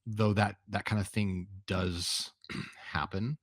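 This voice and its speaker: Husky low-voiced middle-aged man. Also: steady tone, a bit bright, no echo, clean studio sound. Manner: laid-back, laughing, quick with pop-culture jokes. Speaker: podcast co-host. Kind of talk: casual podcast chat.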